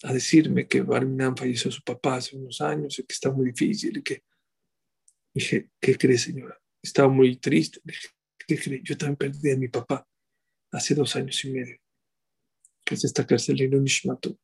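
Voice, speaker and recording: A middle-aged man giving a sermon as a rabbi, animated and full of rhetorical questions to his listeners. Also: mid-range voice, normal speed, gravelly, breathy edge.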